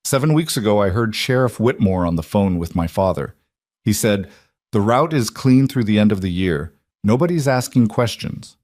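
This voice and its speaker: Quiet young boy, calm and matter-of-fact, lifted a little higher as voiced by a male narrator, dry close sound. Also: normal speed, no room sound, close to an everyday voice. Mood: serious.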